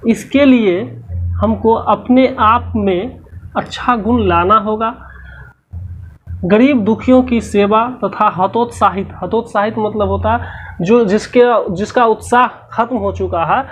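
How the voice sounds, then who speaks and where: A woman's voice: mid-range voice, slow. A woman teacher going through a textbook lesson's questions, explaining each answer step by step and repeating the key words.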